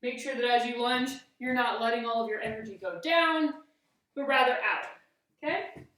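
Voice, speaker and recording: A woman with a fairly high voice instructs a fencing exercise step by step. She is recorded at some distance from the microphone, and the room echoes heavily around her words. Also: moderate pace, a bit bright. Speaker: fencing coach. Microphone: camera at a distance.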